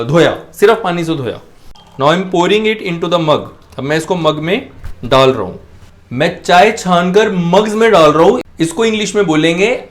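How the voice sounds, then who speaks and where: A male English teacher with a Punjabi accent who explains patiently during a cooking demo and slows right down whenever he repeats a phrase in English. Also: high-pitched. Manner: switches to English and says the phrases slowly and carefully.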